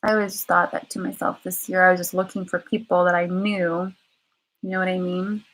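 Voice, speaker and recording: A woman's voice: lowish voice, level tone, fairly quick, fairly bright tone, rough recording. A woman vlogger talking candidly on a live stream, rambling and repeating herself with many fillers. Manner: candid and emotional. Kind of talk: casual live-stream monologue.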